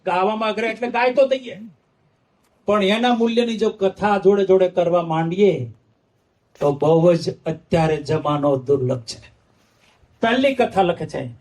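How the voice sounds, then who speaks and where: Speaking as a monk in a devotional sermon, this man has a high-pitched voice with a darkish tone. He sings verses and questions the audience emphatically.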